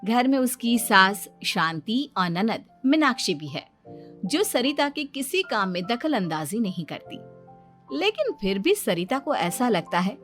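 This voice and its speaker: Soft-spoken woman narrating a cartoon story. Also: on the high side, big pitch swings, a little slow, soft background music.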